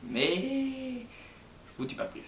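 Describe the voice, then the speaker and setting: A man's voice: medium pitch, moderate pace. A young man chatting casually about manga to his viewers, hesitant and rambling with many fillers. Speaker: manga vlogger. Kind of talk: casual manga chronicle to camera. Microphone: built-in mic of an old computer setup. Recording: roomy, distant, dull lo-fi sound with faint hiss.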